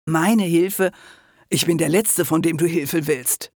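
A man's voice: on the high side, slow, a little mellow, breathy edge, dry recording, clean studio sound, exaggerated voice. A man voicing a young man on the run who sounds scared, sarcastic and disbelieving, in an audiobook. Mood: despairing.

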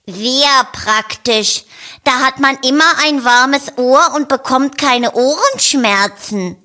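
Woman doing a squeaky, eager storybook rabbit with a grumbly streak, loud and high. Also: slow pace, exaggerated voice. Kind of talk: storybook reading.

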